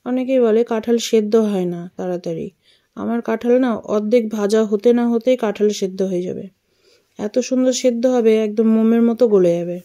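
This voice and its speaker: A woman's voice: a little high, brisk, mellow. A woman, chatting casually in a home kitchen as she cooks. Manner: chatty, homely, talks while cooking. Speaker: vlogger. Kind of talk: casual cooking vlog chat.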